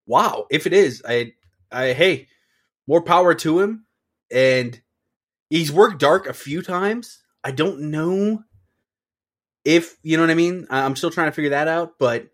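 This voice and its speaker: A man's voice: a little high, fairly bright tone. Casual male podcast co-host. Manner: reads results with offhand swearing. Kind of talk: casual recap chat.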